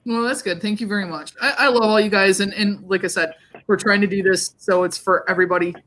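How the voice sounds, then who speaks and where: A woman's voice: medium pitch, fairly even intonation, quick pace, a bit bright. A woman hosting a casual livestream chat over a video call, talkative and often repeating words as she starts a thought. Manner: chatty, repeats words when starting sentences. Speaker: host.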